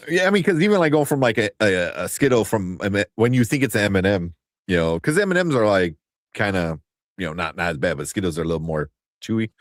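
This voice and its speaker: A man with a deep, low voice hosting a relaxed live chat. He laughs a lot and wanders from point to point in a loose, rambling way. His voice sounds dry and close to the mic. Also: brisk, no room sound. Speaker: podcast host. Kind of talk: casual chat.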